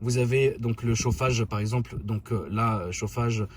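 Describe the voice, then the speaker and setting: A man telling a story casually in a vlog, chatty and animated with many fillers, then showing off his car from inside it. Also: mid-range voice, normal speed. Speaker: car vlogger.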